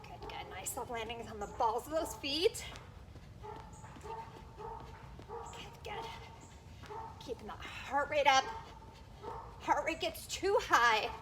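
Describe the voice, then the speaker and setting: A woman with a fairly high voice leads a workout like an aerobics instructor, calling out cues and encouragement while moving through the exercises herself. She is recorded outdoors, with clear ambient noise around her voice. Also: sing-song, slow, pauses often. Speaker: fitness instructor. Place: outdoors in a backyard garden.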